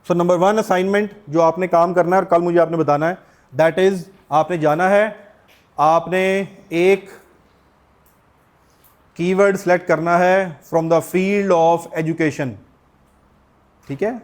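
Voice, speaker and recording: A man's voice: high voice, fairly even intonation, slow, pauses often. A middle-aged man with a Pakistani accent teaching a class, explaining step by step and putting questions to his students. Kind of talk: classroom lecture.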